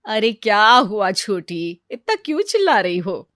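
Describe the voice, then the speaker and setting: A woman voicing a patient, kindly middle-aged mother-in-law in a cartoon story, speaking calmly. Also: mid-range voice, a little slow, no echo, studio quality. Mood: gentle. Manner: calm, kindly, reassuring.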